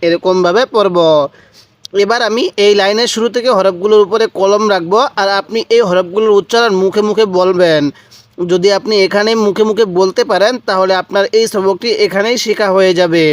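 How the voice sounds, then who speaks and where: Patient high-voiced Quran reading teacher. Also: male voice, steady tone, no echo. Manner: patient, repeats syllables slowly for the viewer to follow. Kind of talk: step-by-step recitation lesson.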